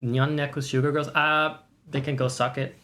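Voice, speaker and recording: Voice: mid-range voice, flat delivery, normal speed, a bit bright, a little hiss or hum. A livestream host chatting casually to viewers in a sarcastic, mock-boastful way, swearing freely. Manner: profane. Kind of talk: casual chat to stream viewers.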